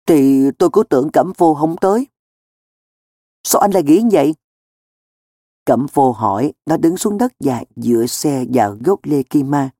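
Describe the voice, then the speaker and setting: Mellow male storybook narrator. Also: mid-range voice, no room sound, studio quality. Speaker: audiobook narrator. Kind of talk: scripted narration.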